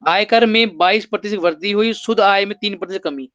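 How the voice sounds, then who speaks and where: A man's voice: sits high, fairly quick, a bit bright, no echo, lo-fi sound. A man teaching an exam-prep maths lesson, explaining step by step and putting rhetorical questions to his students.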